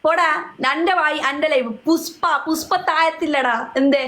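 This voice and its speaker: A woman's voice: high voice, fairly even intonation, moderate pace, fairly bright tone. A woman in a live stream, chatting casually in a colloquial, teasing way. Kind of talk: casual bantering chat.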